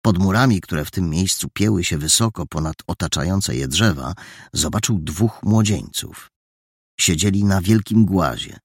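A man narrating a storybook in a steady, measured reading style. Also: low voice, slightly rough, no echo, clean studio sound.

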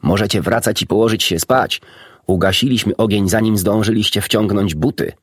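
A man's voice: deep voice, fairly quick, breathy edge, no room sound, clean studio sound. A man voicing an agitated, hot-tempered cat's-meat man who rants with indignation. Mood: mocking. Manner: indignant, outraged ranting.

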